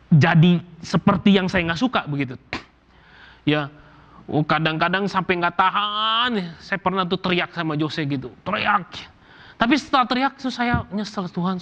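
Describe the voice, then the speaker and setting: A man from Indonesia preaching a sermon as pastor, animated and casual, acting out everyday complaints. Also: sits high, lo-fi sound. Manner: animated, acts out quoted complaints in casual slang.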